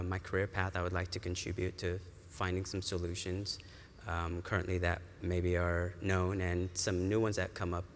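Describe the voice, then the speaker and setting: A man from East Africa who grew up in California, answering interview questions earnestly with fillers. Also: sits low. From East Africa, raised in California. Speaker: student guest. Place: large conference hall. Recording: reverberant hall, faint room noise.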